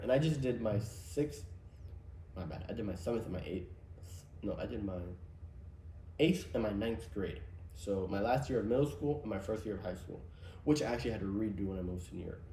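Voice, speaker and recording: Brief: young male podcast host, dark mellow tone, loose profane rambling, echoey room. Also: fairly low pitch, a little hiss or hum. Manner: rambling, profane, conspiratorial asides. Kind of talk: solo casual podcast monologue. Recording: roomy echo, faint ambience.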